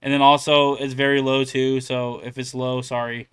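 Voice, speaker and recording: A man's voice: medium pitch, little pitch movement, normal speed, fairly bright tone, clear, resonant tone. A young man hosting a reaction channel, rambling casually with many fillers and laughs. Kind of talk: casual commentary.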